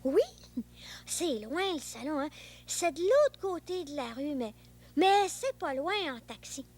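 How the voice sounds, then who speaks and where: A woman's voice: sits high, sing-song, unhurried, a little mellow, heavily acted. A woman playing a playful young boy with an imaginary friend, chatty and bossy, with a Québécois accent. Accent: Québécois French. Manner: bossy, chatty, engine noises. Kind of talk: children's TV acting.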